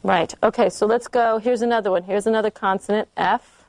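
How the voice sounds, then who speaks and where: A woman's voice: medium pitch, fairly even intonation, fairly quick, a little mellow, no room sound. A woman teaching a small group of children to read in a classroom, patiently asking questions and checking they follow. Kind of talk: classroom phonics lesson.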